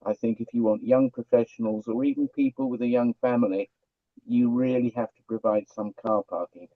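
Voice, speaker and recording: A man's voice: mid-range voice, big pitch swings, brisk, vocal fry, dry recording. A man speaking as a town councillor in a committee meeting, hesitant and full of restarts, over a video call. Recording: dry, dull lo-fi call audio.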